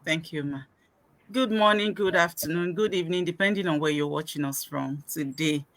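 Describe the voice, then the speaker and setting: A woman from Nigeria, introducing herself calmly as a panelist on a live show. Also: low-pitched, moderate pace, no room sound. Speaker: guest panelist, nurse.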